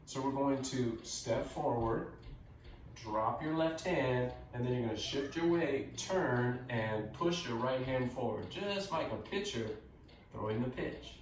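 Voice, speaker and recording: A man giving calm, measured step-by-step movement cues as a tai chi instructor. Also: medium pitch. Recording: echoey room, distant mic, faint noise.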